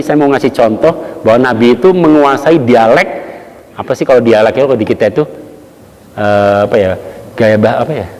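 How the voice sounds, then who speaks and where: A man giving a relaxed mosque study sermon, telling stories and acting out the people he quotes. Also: medium pitch. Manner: casual storytelling, acts out quotes, chuckles. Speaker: preacher. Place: mosque hall. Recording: long hall reverb.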